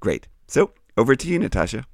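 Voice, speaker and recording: A man's voice: medium pitch, big pitch swings, fairly quick, no echo, clean studio sound. A man hosting a scripted educational Bible show, explaining things in an encouraging way. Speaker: host.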